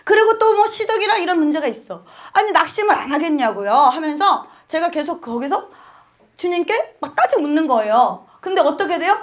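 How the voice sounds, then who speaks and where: Woman with a high voice for a sermon testimony, animated and emotional, voices her own prayers aloud. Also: fairly quick. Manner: laughs often while talking. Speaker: church speaker giving testimony.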